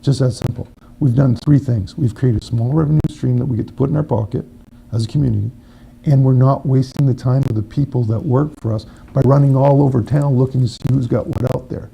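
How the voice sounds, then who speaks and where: A man running for city council talks in a folksy, homespun way, spinning analogies as he answers. His voice is very dark and gravelly. Faint room noise sits behind him. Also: mid-range voice, fairly even intonation, brisk, rough recording. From northern Maine. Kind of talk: candidate forum answer.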